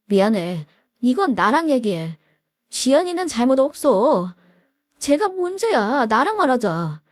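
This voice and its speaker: A woman voicing a cheating husband who pleads with his wife in a low, placating tone. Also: big pitch swings, unhurried, no room sound, studio quality, full character voice. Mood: pleading. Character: pleading husband caught cheating, middle-aged man.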